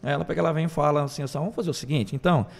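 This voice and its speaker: A man, a pastor, telling his life testimony in a podcast interview, animated, acting out the voices of others as he talks. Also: on the high side, rapid-fire, vocal fry. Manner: animated storyteller, quotes God and others in lively bursts.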